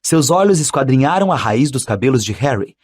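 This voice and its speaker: A man narrating an audiobook in an expressive, dramatic reading style. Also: mid-range voice, fairly quick, breathy edge.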